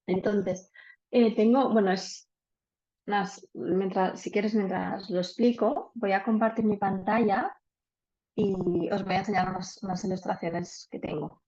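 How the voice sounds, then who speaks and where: A woman, a teacher, calmly reading a storybook aloud in an online class. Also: mid-range voice, a little slow, dull audio. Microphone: video call.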